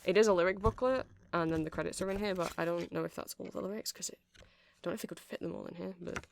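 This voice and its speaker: A performer plays a chatty, nerdy male vampire shopkeeper in an ASMR roleplay, rambling through a casual sales chat while hesitantly explaining things, apologizing and correcting himself. The voice is medium-pitched, quick and gravelly, close to everyday speech, with slight background noise.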